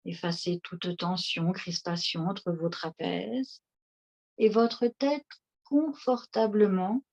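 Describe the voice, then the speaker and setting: A woman leading a guided seated relaxation session, speaking in a slow, soothing, instructive way. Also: on the low side, steady tone, darkish tone. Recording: dull lo-fi recording.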